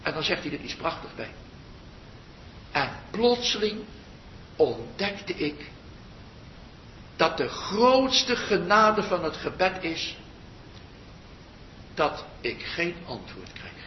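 An older man, a meditation teacher, giving a slow reflective spiritual talk that pauses often and trails off softly. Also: sing-song. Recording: muffled roomy recording with faint rumble.

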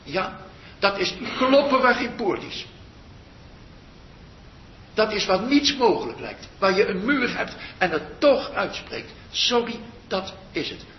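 An older man, a meditation teacher, giving a slow reflective spiritual talk that pauses often and trails off softly. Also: very animated. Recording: muffled roomy recording with faint rumble.

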